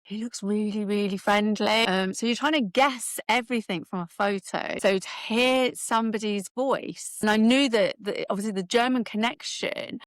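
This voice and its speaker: A woman's voice: mid-range voice, moderate pace, few pauses, no echo. A woman recounts a personal family story as host, casual and conversational, often restarting her sentences. Her voice sits in a middle register. She is recorded close and dry, with no room sound. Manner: warm, with frequent restarts and laughs. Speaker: host, the daughter who found her father.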